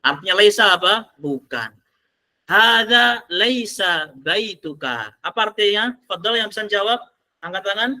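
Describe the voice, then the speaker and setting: Bright-voiced teacher. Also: male voice, high voice, lively intonation, fairly quick. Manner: asks the class questions and praises answers. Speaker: Arabic teacher. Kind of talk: online class teaching.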